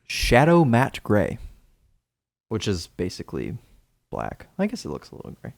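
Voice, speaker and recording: Lower-voiced man, joking podcast co-host. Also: huge pitch swings, moderate pace, gravelly. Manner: joking, rambling, exaggerating. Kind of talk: casual chat.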